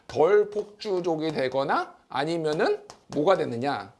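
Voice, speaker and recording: A man giving political analysis on a talk show, animated and lively, often mimicking other people's voices with a laugh. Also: a little high, takes it slowly. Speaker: political commentator.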